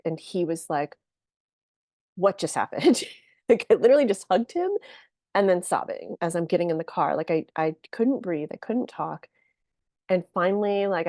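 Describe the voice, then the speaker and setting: A woman guest on a podcast, telling a long personal story in a casual, animated way with lots of fillers and laughter. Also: on the low side, dry recording, clean studio sound. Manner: animated, chatty, many fillers, laughs often.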